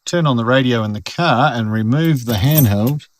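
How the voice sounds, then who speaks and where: An Australian man with a medium-pitched voice at a normal speed hosts a product review channel. His review is casual and conversational, and he explains things along the way.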